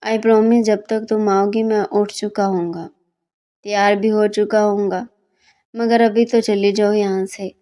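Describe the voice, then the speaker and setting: A sleepy young male student, voiced by a woman narrator grumbles and needles in a storybook reading. His tone stays mellow and unhurried, full of lazy teasing. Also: medium pitch, flat delivery, close to an everyday voice. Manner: grumbling, mocking insults.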